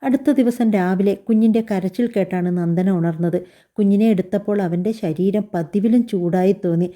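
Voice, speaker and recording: A woman narrating a family story in an even, measured, scripted reading. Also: mid-range voice.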